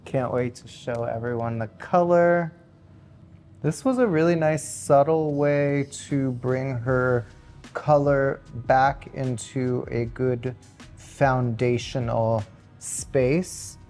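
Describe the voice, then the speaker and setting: A man narrates a hair and makeup tutorial at an unhurried pace, walking through each cut and angle in calm detail. His pitch sits in an ordinary middle range. Soft music plays faintly behind him. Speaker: hairstylist and makeup artist.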